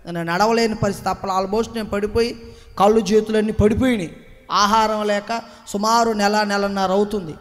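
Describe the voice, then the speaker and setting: A man giving a passionate testimony sermon to a congregation, moving between hushed recollection and loud exclamations and calling out for claps and amens. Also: high voice, fairly even intonation, brisk. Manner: calls the congregation to clap and say amen. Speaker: preacher giving a personal testimony. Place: church hall. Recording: echoey church hall.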